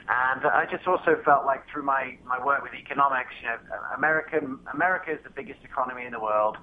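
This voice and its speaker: A man's voice: medium pitch, a little hiss or hum. Guy in his 30s on a phone line, tinny sound, hesitant with lots of ums and restarts. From England. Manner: hesitant, many fillers and restarts. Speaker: guest. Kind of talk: casual interview talk.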